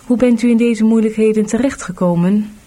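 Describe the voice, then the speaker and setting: Lady reading as a calm helpful man, explains things, mellow tone. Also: fairly high pitch, fairly quick, natural voice. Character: calm helpful male rescuer.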